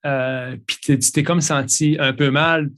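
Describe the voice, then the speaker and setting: A man's voice: a little high, fairly even intonation, unhurried, fairly bright tone. A man interviewing a guest in a casual chat, recapping the guest's story back to him. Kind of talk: casual conversation.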